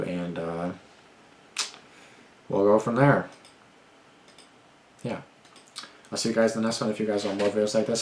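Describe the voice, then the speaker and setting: A man's voice: low voice, roomy sound, a little hiss or hum. A young man hosting a reaction video, talking in a casual, jumpy way and swearing often. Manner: jumpy and nervous, swears freely. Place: dim room at night.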